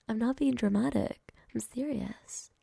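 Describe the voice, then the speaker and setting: A young woman murmurs close to the microphone in an intimate ASMR roleplay, her whisper soft and affectionate. Her voice is dark, heavy with vocal fry and breathy grain, and she takes her time. The sound is dry and close. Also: fairly high pitch, takes it slowly, no echo. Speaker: girlfriend in a roleplay.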